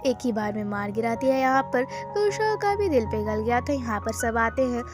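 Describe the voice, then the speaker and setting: A woman's voice: fairly high pitch, very animated, moderate pace. A woman casually retelling the plot of a drama episode in a chatty, loose way, with many fillers. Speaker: drama recap narrator. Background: background music.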